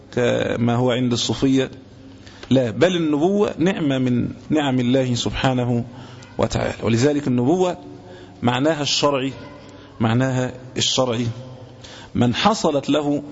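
A man teaching a religious lesson, explaining terms deliberately and repeating key words. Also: mid-range voice, a little mellow, dull audio, slight background noise. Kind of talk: lecture explaining a hadith book.

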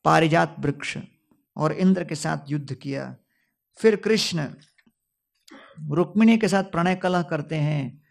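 A man's voice: on the high side, measured pace, creaky, pauses often. A male preacher telling a devotional scripture story, quoting Sanskrit verses and mixing in English words.

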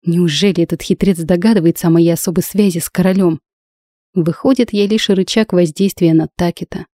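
A woman's voice: on the low side, steady tone, a little fast, warm tone, no room sound. A woman narrating a first-person fantasy audiobook with intense, emotional delivery, recorded close to the mic.

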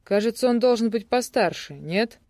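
A narrator voicing a stern, angry middle-aged father who barks and shouts at his son, in an audiobook. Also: mid-range voice, measured pace, dry recording, voice pushed up, natural voice. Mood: incredulous. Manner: barking, shouting.

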